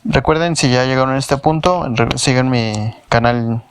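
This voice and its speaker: At home in a shared housing block, a male language teacher with a Mexican Spanish accent gives a patient whiteboard lesson, repeating words syllable by syllable. He speaks at a moderate pace in a medium-pitched voice over a noisy background.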